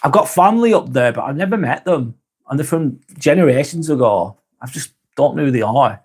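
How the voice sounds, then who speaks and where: An Englishman hosts a live vlog, reading viewers' chat and talking casually, often correcting himself and laughing easily. His mid-range voice is husky, with lively intonation and a fairly quick pace.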